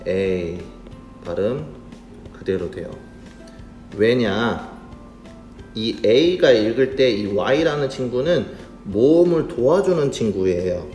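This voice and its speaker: Man, phonics teacher, children's reading lesson, slow, patient, roomy sound, faint music. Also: medium pitch, expressive, darkish tone. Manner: slow, patient, talks to kids as "friends".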